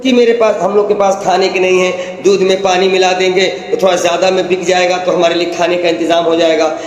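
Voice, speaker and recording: A woman's voice: fairly low pitch, level tone, a little mellow, lightly acted. A man preacher voicing a poor, anxious old mother who explains her need to her daughter, heard in an echoey hall. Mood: pleading. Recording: echoey hall with long reverb.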